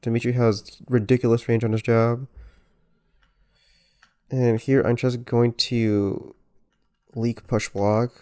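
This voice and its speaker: A man giving careful, unhurried commentary on a replay of his own fighting game match, with muttered self-critical asides. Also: medium pitch, little pitch movement, mellow, clear, resonant tone. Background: music.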